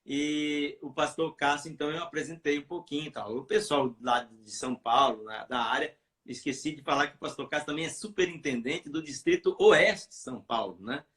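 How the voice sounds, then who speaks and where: A man's voice: fairly high pitch, normal speed, fairly bright tone. Brazilian pastor guy hosting a church livestream, chatty, lots of fillers and restarts. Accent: Brazilian Portuguese. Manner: rambling, with many fillers and restarts. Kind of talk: casual church live-stream chat.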